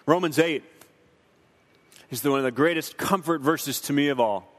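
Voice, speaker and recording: A man's voice: fairly high pitch, normal speed, a bit bright. Earnest young man in a reverberant hall. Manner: earnest, preacherly, emotional. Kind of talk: reflective film commentary.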